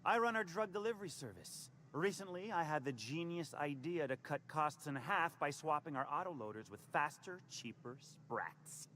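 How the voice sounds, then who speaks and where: A man's voice: a little high, expressive, normal speed, few pauses, pushed and bright, a little hiss or hum. An actor playing a slippery, evasive male hustler in a video game, talking in stammering, wheedling sales patter. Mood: flustered. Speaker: game character.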